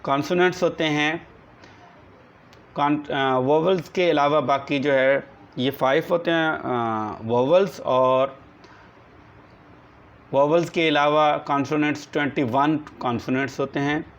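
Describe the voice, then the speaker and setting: A man teaching English grammar. He dictates definitions slowly and then explains them quickly in everyday speech. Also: a little high, fairly even intonation, highs cut off. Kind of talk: classroom grammar lesson, mixing Urdu and English.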